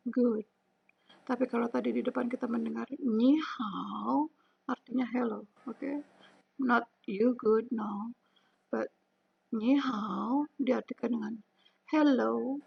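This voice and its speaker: Woman teacher, husky higher voice, patient step-by-step lesson, dull lo-fi sound. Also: steady tone. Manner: slow and patient, drawing out example syllables. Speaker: Mandarin teacher. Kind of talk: online beginner lesson.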